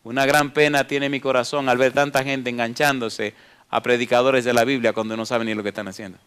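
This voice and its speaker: A man's voice: mid-range voice, steady tone, brisk, fairly bright tone, clean tone. A male pastor preaching a sermon, reading scripture and asking the congregation rhetorical questions.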